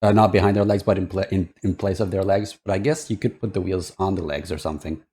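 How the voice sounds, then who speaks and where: Low-voiced man rambling casually on a livestream. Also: fairly even intonation, fast talker, mellow. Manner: rambling, hesitant, thinking aloud. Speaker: streamer reacting to a video. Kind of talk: casual livestream reaction chat.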